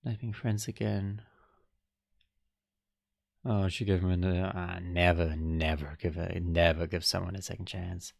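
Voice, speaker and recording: A man's voice: low voice, gravelly, darkish tone, no room sound, studio quality. A young man casually reacting to an album, thinking aloud in a rambling, hesitant way. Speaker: music reaction vlogger.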